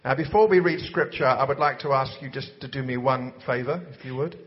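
A man preaching in church with a middle-pitched voice. He speaks in short, unhurried phrases with fillers, leaving room for his interpreter. The recording sounds dull and lo-fi. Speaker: guest preacher. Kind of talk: sermon with interpreter.

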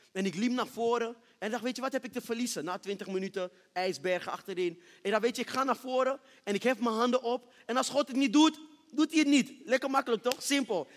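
High-voiced preacher in a reverberant hall. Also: male voice. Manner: builds from hushed storytelling to loud shouted praise. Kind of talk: sermon testimony. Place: church stage with reverberant hall.

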